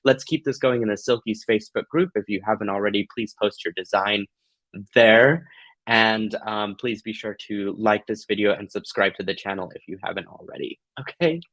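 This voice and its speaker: A man's voice: fairly low pitch, steady tone, fairly quick, few pauses, a bit bright, no echo, poor audio. A man hosting a live craft tutorial, chatting casually to viewers in a gushing, affectionate, playful way. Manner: giggly, playful.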